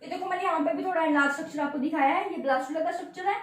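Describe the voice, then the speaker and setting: एक महिला बायोलॉजी शिक्षिका कक्षा की तरह लेक्चर देती है। वह मुख्य शब्दों को सवाल बनाकर दोहराती है और बार-बार "है ना", "ठीक है" कहकर छात्रों से जुड़ती है।. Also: female voice, extremely high pitch, rapid-fire, far from the mic. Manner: repeats key terms as questions and answers them; checks in often with tag words. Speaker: biology teacher. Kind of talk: classroom lecture at a board. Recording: very echoey room, voice off-mic.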